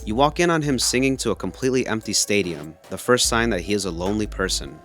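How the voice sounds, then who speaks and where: Male video essayist, scripted narration, slightly low voice, faint music underneath. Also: animated, fast.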